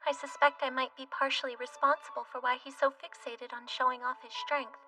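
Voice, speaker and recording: A woman's voice: high voice, little pitch movement, brisk, lightly acted. An actress playing a poised, earnest young female noble student, composed and firm, in an anime dub. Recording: distant voice over music.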